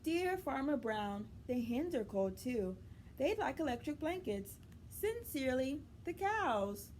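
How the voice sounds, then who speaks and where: A woman voicing polite but firm farm animals in a children's storybook, reading out their letters in a formal, measured way. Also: high-pitched, big pitch swings, a little mellow, slight background noise, full character voice. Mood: politely requesting.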